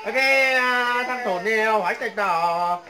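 A woman's voice: fairly high pitch, measured pace, loud music behind the voice. An older woman hosting a casual livestream vlog, chatting and greeting viewers by name. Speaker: vlog host.

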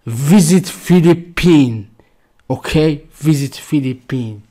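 Taking his time in a slightly high, dark-toned voice, a thirtysomething reaction video host offers effusive, casual remarks. His English isn't fluent, he has an Algerian accent, and he frequently repeats himself.

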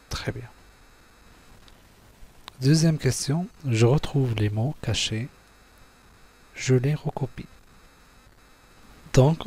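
Brief: patient male schoolteacher, unhurried, correcting a workbook page for small children. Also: medium pitch, a little mellow, a little hiss or hum. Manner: patient, spells letters and syllables one by one. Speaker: teacher. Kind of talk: slow classroom exercise walkthrough.

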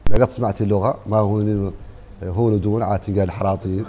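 Mauritanian man, panel guest, rapid, insistent, low and mellow, faint room noise. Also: level tone. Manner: fast, insistent, interjects "hnini" to hold the floor. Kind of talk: panel debate on television.

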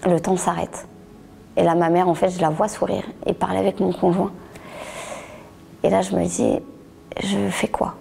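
A middle-aged woman and author telling her story in an interview, halting, restarting words and sometimes sinking to a near whisper. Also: on the low side, level tone, vocal fry, dark tone, a little hiss or hum. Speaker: author giving a testimony. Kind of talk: personal testimony interview.

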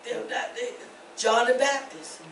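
High-voiced preaching woman in a church. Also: steady tone, measured pace, slight background noise. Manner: preaching testimony, rising to shouts, laughs. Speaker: pastor. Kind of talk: sermon. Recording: echoey church from far off.

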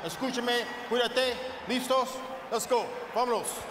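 A middle-aged man giving brisk, firm referee's instructions before a fight. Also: extremely high pitch. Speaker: boxing referee. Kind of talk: pre-fight instructions, alternating English and Spanish. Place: large indoor arena, in the ring. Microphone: handheld microphone. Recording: distant echoey arena PA, crowd noise.

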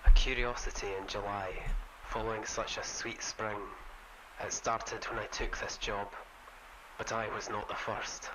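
A man narrating a recorded tape inside a horror game, in a slow, flat, somber delivery. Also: on the low side, slight background noise, poor audio.

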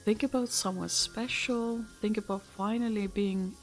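A woman's voice: mid-range voice, a little slow, faint music behind. A woman streaming a video game, reading its text aloud and commenting expressively. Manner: expressive, reacts out loud.

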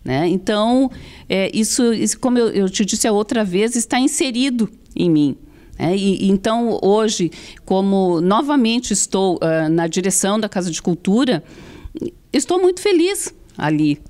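A woman's voice: mid-range voice, expressive, normal speed, warm tone. A middle-aged woman with a southern Brazilian gaúcho accent, talking as a guest in an interview. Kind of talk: conversational interview talk. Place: small indoor TV studio. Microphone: handheld microphone.

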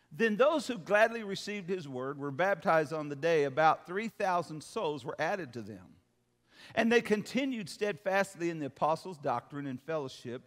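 A high-pitched, slightly bright voice belongs to an older pastor giving a sermon from a church hall stage. He preaches in a folksy, emphatic way, asking the congregation for amens, and the recording carries a long hall reverb.

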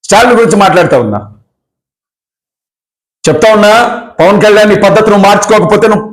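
A man's voice: high-pitched, quick pace, rough recording. A man giving a fiery, confrontational political speech, firing off accusing rhetorical questions. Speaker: activist leader.

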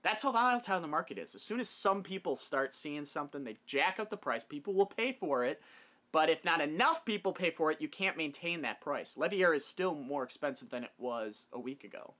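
Talking a little fast in an expressive, pushed, bright voice on the high side, a young man hosts a video from his small wood-paneled room at home. He delivers his opinions casually and with emphasis, speaking straight to camera.

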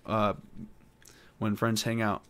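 A young man hosting his own podcast alone, talking in a rambling, hesitant way with many pauses and fillers. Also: on the low side, level tone, fairly bright tone. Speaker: podcast host. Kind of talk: casual solo podcast monologue.

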